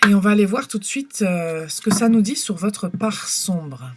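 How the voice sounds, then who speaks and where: A woman's voice: mid-range voice, normal speed, heavy background noise. A woman giving a casual tarot reading to camera, talking hesitantly with lots of fillers and restarts. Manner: hesitant, many fillers and restarts, soft-spoken. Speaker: tarot card reader.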